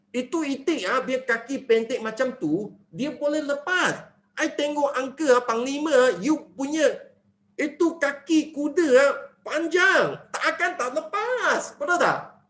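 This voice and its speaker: A man doing a high, cocky village boy. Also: animated, a little slow, fairly bright tone, heavily acted. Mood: matter-of-fact. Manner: matter-of-fact, explaining patiently. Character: cheeky young village boy, calm and sure.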